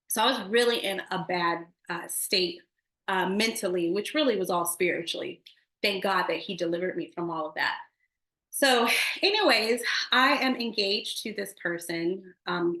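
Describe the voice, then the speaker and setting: A woman's voice: medium pitch, pushed and bright. A woman in her thirties giving an earnest, emotional personal faith testimony, speaking directly to her viewers. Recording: echoey room.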